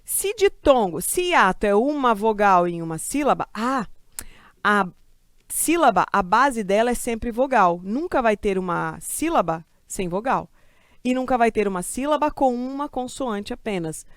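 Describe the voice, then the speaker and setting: Brazilian lady teacher, kinda high voice, chatty exam prep lesson, dry close sound. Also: a little slow, dry recording. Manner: lively, chatty, asks and answers own questions.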